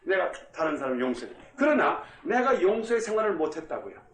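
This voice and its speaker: A man's voice: high-pitched, very animated, quick pace. A man pastor giving a Bible study lecture, emphatic, repeating key phrases and putting questions to the class. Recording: echoey room.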